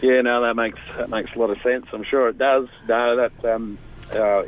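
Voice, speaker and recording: A man's voice: medium pitch, steady tone, normal speed, a little hiss or hum. Man on a tinny phone line. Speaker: band lead singer, radio guest. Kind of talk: casual phone interview.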